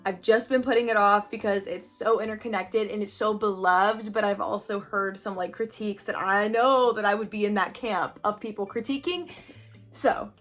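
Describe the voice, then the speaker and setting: A woman's voice: mid-range voice, steady tone, moderate pace, few pauses, fairly bright tone, soft background music. A woman in her twenties chatting casually in a book vlog, upbeat and thinking aloud with lots of "like"s. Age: 20s. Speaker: booktuber.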